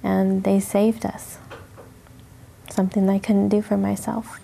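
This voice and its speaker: Woman interviewee, thirties; slow, reflective, gravelly and dark-toned. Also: mid-range voice, flat delivery, slight background noise. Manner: soft, halting, reflective. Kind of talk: emotional interview recollection.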